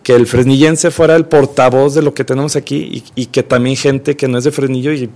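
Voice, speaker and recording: Gravelly man, rambling. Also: medium pitch, fairly even intonation, fairly quick, a little mellow. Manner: rambling, repeats words while thinking. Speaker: cultural event organizer guest. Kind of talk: casual radio chat.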